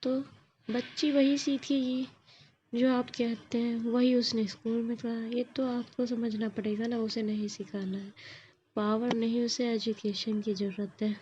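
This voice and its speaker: A woman voicing a gentle young woman who coaxes softly in a story reading. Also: on the high side, level tone, unhurried, lo-fi sound, close to an everyday voice. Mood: coaxing. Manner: soft coaxing.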